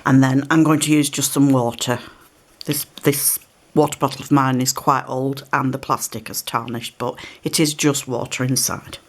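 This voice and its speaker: Speaking at a moderate pace in a very deep voice, a woman with a slight cold presents a craft tutorial at her table, chatting casually and explaining each step as she works. She coughs occasionally. An overhead camera films her hands.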